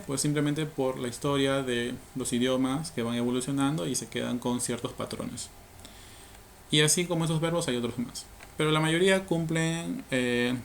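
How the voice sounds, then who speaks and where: A man's voice: medium pitch, gravelly, a little hiss or hum. A man teaching English grammar to learners, explaining rules patiently step by step, with frequent fillers and tag questions.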